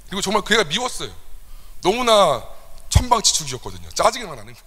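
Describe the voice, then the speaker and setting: A young adult man preaching a confessional sermon to a youth service, moving from quiet asides to sudden loud outbursts, recorded in a church sanctuary. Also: sits high, wildly swooping pitch, fast talker, breathy edge. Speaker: youth pastor. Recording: church hall with long reverb.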